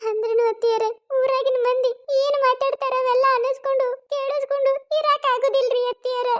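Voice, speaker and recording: A woman's voice: extremely high pitch, little pitch movement, fairly quick, pitched above the performer's own voice. A woman with a North Karnataka accent voicing a wronged young village daughter-in-law in a cartoon comedy, plaintive and pleading. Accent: North Karnataka Kannada. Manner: plaintive, pleading wails toward the gods, with polite "ri" address.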